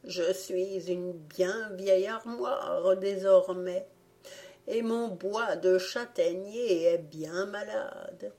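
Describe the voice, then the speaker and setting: A woman voicing an old, worn-out wardrobe that speaks softly and plaintively. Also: mid-range voice, drawn-out words. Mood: wistful. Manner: soft, plaintive, pleading.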